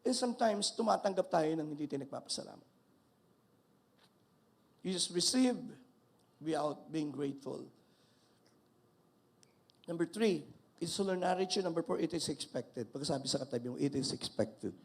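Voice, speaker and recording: An older male pastor preaching an animated sermon, mixing Tagalog and English and calling out to his congregation. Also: on the high side, normal speed, gravelly, pauses often, husky.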